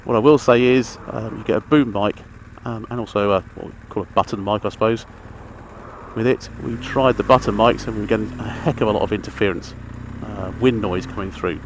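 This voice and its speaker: He speaks fairly quickly in a fairly low voice, offering a matter-of-fact, rambling review of his gear while on the motorbike. The helmet-mic recording is filled with engine, traffic and outdoor noise.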